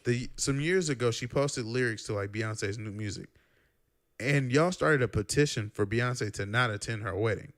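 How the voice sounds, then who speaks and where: A young man hosts a casual podcast at a moderate pace, his voice medium in pitch. Relaxed and teasing, he needles his guest and steers the conversation from topic to topic.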